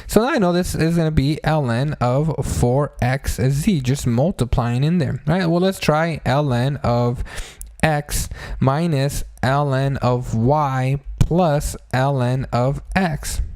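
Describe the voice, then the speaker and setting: Explaining math problems step by step in a chatty, informal tutorial, a man talks to his listeners like friends. His mid-range voice is a little mellow, and the recording has no echo. A blow to the throat has left it sore, so it pains him to talk.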